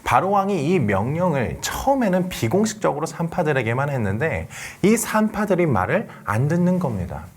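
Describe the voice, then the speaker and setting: A woman youth pastor giving a sermon, telling the story dramatically, asking the congregation questions and dropping to soft near-whispers. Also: low-pitched, big pitch swings, normal speed, hardly any pauses, breathy edge.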